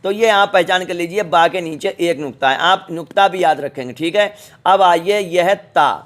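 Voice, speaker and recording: A middle-aged man teaching the Quran's alphabet in a recorded lesson, patient and repetitive, sounding letters out slowly. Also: high voice, fairly bright tone.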